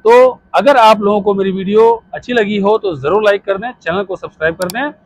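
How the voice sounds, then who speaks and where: A man's voice: high-pitched, a little fast, highs cut off, a little hiss or hum. A man in his thirties explains a screw chiller step by step outdoors on a rooftop, while a helper films on a phone. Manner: explains step by step, pointing at parts. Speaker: HVAC instructor. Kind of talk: hands-on technical explanation. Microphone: phone camera held by a helper.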